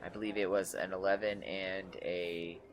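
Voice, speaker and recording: Relaxed male game master, loose narration with lots of ums. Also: sits low, normal speed, a crowd in the background. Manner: relaxed, filler-heavy.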